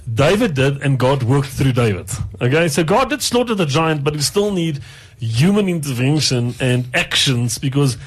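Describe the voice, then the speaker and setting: A man in a casual faith discussion, talking in an animated, colloquial and emphatic way with Afrikaans slang mixed in. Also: medium pitch, moderate pace, hardly any pauses, breathy edge.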